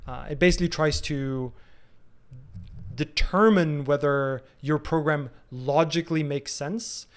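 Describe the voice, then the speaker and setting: A man's voice: a little high, a little slow, clean tone. Man thinking aloud in a live Q&A. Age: 30s. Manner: thinking aloud with many fillers and restarts. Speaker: streamer answering viewer questions. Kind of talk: casual live Q&A.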